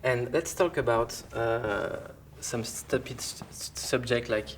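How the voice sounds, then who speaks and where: A man's voice: medium pitch, slow, slight background noise. A man who speaks as his asks interview questions in English with phrasing and a friendly, joking manner. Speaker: interviewer, host. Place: hotel room.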